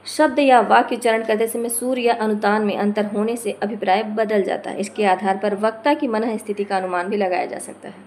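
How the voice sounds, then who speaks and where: A woman teaching a lesson, reading from notes, slowing to spell out example words and correcting herself as she goes. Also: medium pitch, steady tone, a little mellow, slight background noise. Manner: corrects herself mid-phrase.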